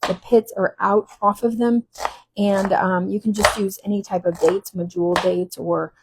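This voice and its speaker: A woman's voice: medium pitch, steady tone, unhurried, background noise. A woman hosting a casual cooking demo, chatting in a rambling way with frequent ums. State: teary from cutting shallots. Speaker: cooking channel host. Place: kitchen while traveling.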